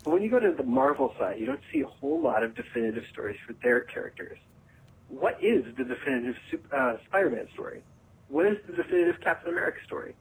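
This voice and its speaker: Male caller, voicemail playback, mid-pitched, plain listing delivery, faint background noise. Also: low-quality recording. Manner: plain and listing, asking questions one after another. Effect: voicemail played back on the show. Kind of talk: recorded voicemail question.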